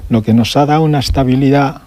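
A man's voice: medium pitch, fairly even intonation, dark tone, no echo. Older Galician-born man, dry studio sound. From Galicia, Spain. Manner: unhurried storytelling with pauses and restarts. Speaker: guest, electronics shop owner. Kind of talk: radio interview. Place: radio studio.

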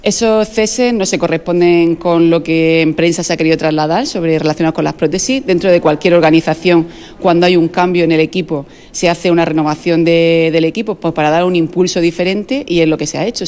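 Woman official at a press statement, low and fast-talking. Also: a little mellow. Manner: fast, with fillers. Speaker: regional health minister.

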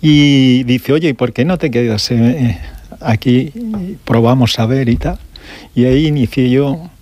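A man's voice: medium pitch, lively intonation, darkish tone, no room sound. Older Galician-born man, dry studio sound. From Galicia, Spain. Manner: unhurried storytelling with pauses and restarts. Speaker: guest, electronics shop owner. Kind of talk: radio interview. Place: radio studio.

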